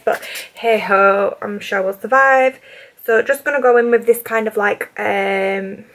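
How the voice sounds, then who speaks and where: A woman in her twenties with a British accent, chatting casually through a makeup tutorial, rambling with lots of fillers. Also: fairly high pitch. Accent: British English. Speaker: beauty vlogger. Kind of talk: casual get-ready-with-me chat.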